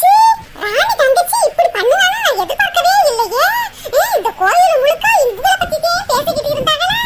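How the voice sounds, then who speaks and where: A woman voicing a grieving older sister in a cartoon comedy, lamenting loudly and repeating her words. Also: very high-pitched, big pitch swings, brisk. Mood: wailing. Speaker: cartoon character. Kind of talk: Tamil cartoon comedy voice acting. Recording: loud background noise.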